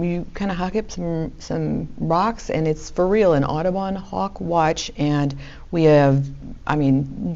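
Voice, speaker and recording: Woman, New York accent, very low pitch, earnest, repeats words, muffled lo-fi audio. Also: gravelly, a little mellow. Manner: earnest, repeats words when starting a thought. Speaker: panelist. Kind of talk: panel Q&A answers. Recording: dull lo-fi sound.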